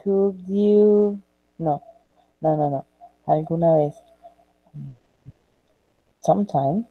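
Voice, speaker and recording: A woman student speaks English with a thick Latin American Spanish accent. Her delivery is slow and halting as she searches for words. The sound is close and dry but slightly muffled, like an online class call. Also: lowish voice, dry recording.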